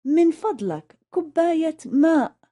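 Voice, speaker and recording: A woman, carefully repeating lesson phrases one by one in a clear, scripted way. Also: sits high, animated, unhurried, warm tone. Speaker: language lesson speaker.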